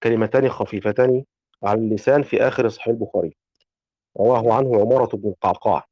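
A man reads a classical text aloud in a steady, measured way. His voice is dark and mellow. The sound is dry and close, with no room echo. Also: on the low side. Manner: measured recitation, asks polite questions. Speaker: student reading the text aloud. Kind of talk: reading a classical text in a lesson.

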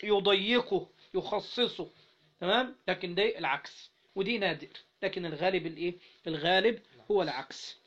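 With a high, slightly bright voice, a man speaking in an Egyptian Arabic accent reads and explains a text in a classroom lesson on Islamic jurisprudence. He keeps quizzing his students, having them fill in words, in a dull lo-fi recording.

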